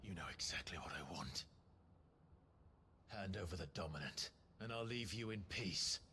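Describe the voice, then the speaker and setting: Menacing brooding game antihero, low register, widely swinging delivery, curt demands. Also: male voice, animated, normal speed, a little hiss or hum, exaggerated voice. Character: menacing brooding male antihero swordsman with a hound. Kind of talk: dramatic video game acting. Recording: loud game music behind.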